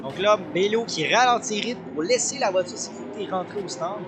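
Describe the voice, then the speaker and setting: A man with a Quebec French accent doing excited, exclamatory live play-by-play as a motorsport commentator. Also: high voice, fairly quick, loud music behind the voice. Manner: exclamatory, urgent, repeats names and phrases.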